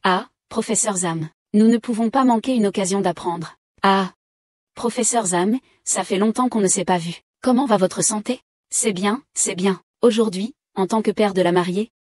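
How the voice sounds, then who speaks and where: A woman voicing all the parts of a dubbed drama. Her pitch sits in the middle, and the recording is close and completely dry. Her reading is even and steady. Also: moderate pace, slightly rough, no echo. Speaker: dubbing voice for all roles.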